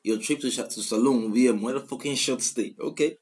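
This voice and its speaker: Speaking fast in a mid-range, slightly mellow voice, this twenty-something reaction video host with a Nigerian accent offers laid-back commentary on songs and echoes the lyrics in slang. He's indoors in a small room at home, with music playing behind him.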